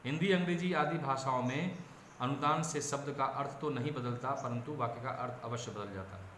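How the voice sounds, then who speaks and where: A man's voice: medium pitch, normal speed, fairly bright tone, slight background noise. A male education lecturer giving a lecture, explaining at length, repeating himself, correcting his own phrasing and stressing example words aloud. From India. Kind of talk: classroom-style lecture. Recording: roomy echo, faint ambience.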